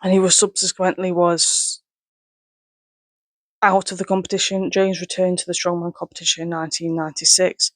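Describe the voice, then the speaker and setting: A man presenting from inside a rubber mask, hot and short of air, reading a biography aloud haltingly with casual asides and self-corrections. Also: high voice, completely flat delivery, fairly bright tone, no room sound. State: hot, finding it hard to breathe.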